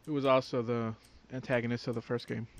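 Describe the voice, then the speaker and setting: A man's voice: mid-range voice, little pitch movement, fast talker, dry recording. A man casually talking while he plays a video game, easygoing and joking with his friend. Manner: easygoing, joking, brief replies. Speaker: let's play player. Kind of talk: casual gaming chat.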